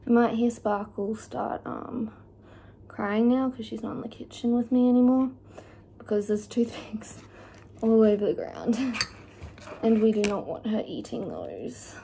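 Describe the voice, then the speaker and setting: A woman's voice: fairly high pitch, animated, measured pace, gravelly, mellow, a little hiss or hum. A young woman chatting casually while cooking in her home kitchen, with lots of fillers. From Australia. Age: young adult. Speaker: vlogger. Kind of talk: casual cook-along chat. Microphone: phone camera on the counter.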